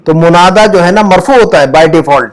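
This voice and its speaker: A man's voice: sits high, normal speed. A man teaching an Arabic grammar class in Urdu from home, patient and repeating his questions to drill his students.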